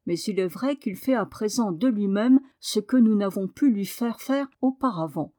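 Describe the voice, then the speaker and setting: A woman reading a gentle, puzzled doctor. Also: medium pitch, animated, normal speed, lightly acted. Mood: confidential. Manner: gentle and reassuring. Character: kindly, puzzled male country doctor. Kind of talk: audiobook reading.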